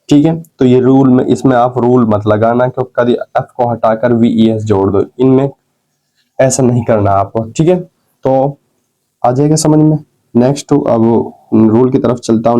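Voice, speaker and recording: A man's voice: mid-range voice, warm tone, muffled recording. A male teacher, patiently explaining grammar rules and checking in with his students again and again. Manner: repeats "ठीक है" to check understanding, asks and answers his own questions. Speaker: English teacher.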